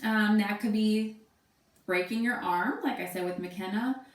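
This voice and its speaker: Woman teacher in her thirties, relaxed chatty delivery, distant echoey home recording. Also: mid-range voice, a little slow. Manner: casual, chatty, thinks aloud with fillers. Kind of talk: remote class lesson. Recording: echoey room, voice away from mic.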